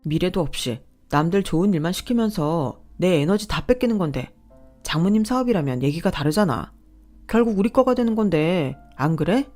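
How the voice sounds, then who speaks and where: A greedy, self-important young husband who whines, demands and turns indignant in a Korean drama story, as a woman reader puts him on. The voice sits a little low, with faint music underneath. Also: lively intonation, moderate pace, a little mellow. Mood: wheedling. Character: entitled scheming young husband, man.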